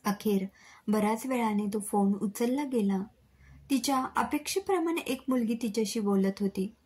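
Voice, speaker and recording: A woman's voice: on the high side, moderate pace, a little mellow, husky. A woman narrating an emotional story, reading it dramatically and acting out the dialogue.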